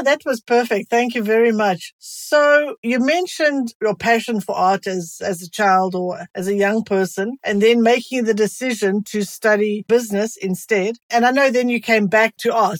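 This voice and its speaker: A woman's voice: mid-range voice, no room sound. A woman hosting a podcast, reading a polished introduction and asking formal interview questions. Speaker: podcast host.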